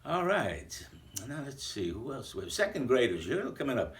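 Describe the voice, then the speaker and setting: A man playing Santa Claus, chatty and lively. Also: medium pitch, moderate pace. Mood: cheerful. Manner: chatty, playful, rambling. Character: jolly old Santa Claus greeting children. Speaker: Santa greeting schoolchildren. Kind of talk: recorded video greeting to a school.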